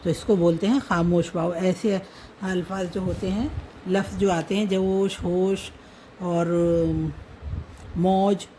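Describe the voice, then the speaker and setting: A woman teaching how to write words in a script, spelling out each letter slowly and repeating the words as she goes. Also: lowish voice, fairly even intonation, mellow, a little hiss or hum, poor audio. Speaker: language teacher. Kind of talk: slow step-by-step writing lesson.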